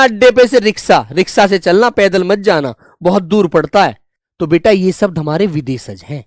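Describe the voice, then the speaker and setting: A male teacher giving an exam-prep grammar lecture with a high voice. He talks to his students fondly and keeps checking whether they are following. The sound is dry and close. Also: no echo. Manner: fond, coaxing, keeps asking "right?" and calling students child.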